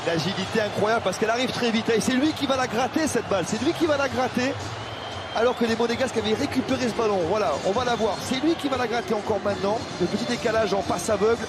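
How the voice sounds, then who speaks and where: A Frenchman giving spontaneous replay analysis as a football co-commentator, emphatic and halting, repeating his phrases. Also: extremely high pitch. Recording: loud stadium crowd, noisy background. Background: football stadium crowd.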